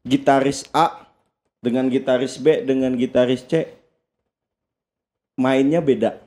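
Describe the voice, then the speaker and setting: A man's voice: medium pitch, fairly even intonation, slow pace, a little mellow. A man, a podcast guest talking bluntly in casual conversation, swearing offhand and laughing as he argues.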